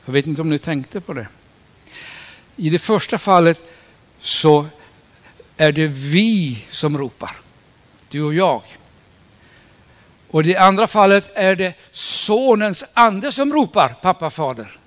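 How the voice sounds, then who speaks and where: Preacher, male, slightly raised pitch, earnest and deliberate, dull lo-fi recording. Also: animated. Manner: earnest, slows and stresses key phrases, rises when quoting scripture. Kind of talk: sermon.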